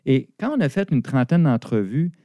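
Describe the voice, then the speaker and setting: Mellow-voiced Quebec man explaining business. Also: mid-range voice, normal speed, no room sound, studio quality. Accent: Quebec French. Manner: animated, explanatory, laughs often. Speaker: guest, business teacher. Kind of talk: conversational explanation.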